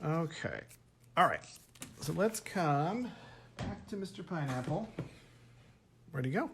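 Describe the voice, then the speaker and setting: A man's voice: on the high side, expressive, slow pace, creaky, a bit bright, a little hiss or hum. A man teaching a painting workshop in a casual, chatty way, thinking aloud as he works at a table. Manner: chatty, thinks aloud while working, self-correcting. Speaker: art instructor. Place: home art workspace at a table.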